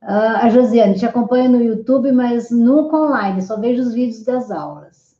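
A woman's voice: fairly high pitch, normal speed, warm tone. A woman French teacher hosting a live class, cheerfully reading out viewer comments and greeting each person by name. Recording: roomy, dull lo-fi stream audio.

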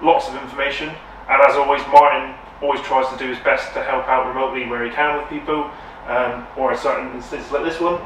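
A man's voice: mid-range voice, level tone, a little fast, fairly bright tone, a little hiss or hum. A man, hosting a workshop video in an upbeat, chatty way. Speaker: host, workshop presenter. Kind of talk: casual presenting. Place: tuning workshop, indoors. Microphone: far camera. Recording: echoey workshop from far off.

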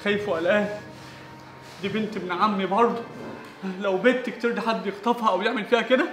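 A fretful, nervous husband, played by a woman with an Egyptian accent, who rushes out his words at a breakneck pace. He keeps repeating himself out of fear. The voice sits in a roomy echo, with music playing under it. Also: mid-range voice, fairly even intonation, close to an everyday voice. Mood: anxious. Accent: Egyptian Arabic. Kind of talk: amateur web drama acting.

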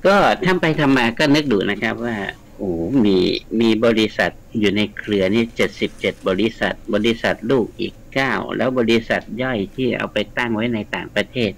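A man's voice: fairly low pitch, moderate pace, vocal fry, hardly any pauses, rough recording. A man, a guest scholar, explaining at length in a radio studio interview, chatty and lecturing, with frequent polite particles. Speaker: guest scholar of the Mekong region.

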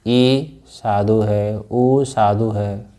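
A man teaching Sanskrit grammar to a class. He speaks slowly, repeats key phrases and keeps asking his students whether they follow. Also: fairly low pitch, fairly even intonation, warm tone. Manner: slow and repetitive, drills phrases and checks understanding. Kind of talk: classroom lecture with questions to students.

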